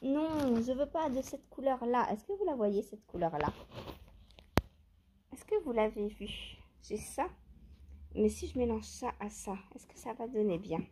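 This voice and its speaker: A woman's slightly high, dark-toned voice carries lively intonation at a measured pace, with slight background noise. As a knitting vlogger, she picks yarns at home amid her stash and chats casually to viewers on a handheld phone, thinking aloud hesitantly with many fillers and self-questions.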